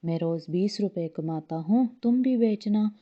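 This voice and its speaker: A woman's voice: medium pitch, measured pace, close to an everyday voice. A woman voicing a helpful male friend who sells ice cream and reassures the drake, in a slightly dull lo-fi recording. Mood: encouraging. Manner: reassuring, encouraging.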